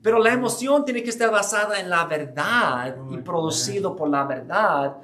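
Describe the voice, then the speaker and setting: A man's voice: high-pitched, lively intonation, moderate pace, pushed and bright. A man giving an earnest church history lecture, explaining with frequent restarts and hesitations.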